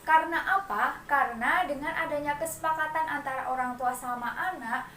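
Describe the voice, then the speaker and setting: A parenting class facilitator talks a little fast in a high, bright, forceful voice, and a light hiss or hum runs under her. She directs clapping chants with the mothers she's addressing and explains step by step. The classroom session sounds echoey and distant, with faint ambient noise.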